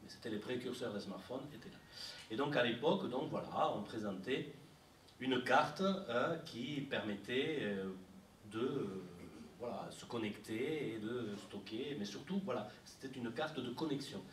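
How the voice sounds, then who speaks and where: A man lecturing at a university, animated and chatty, full of fillers and repeated words. His mid-range voice sounds roomy and far from the mic, with faint background noise. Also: medium pitch, measured pace. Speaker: translation lecturer. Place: university library lecture room. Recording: echoey room, mic from far off.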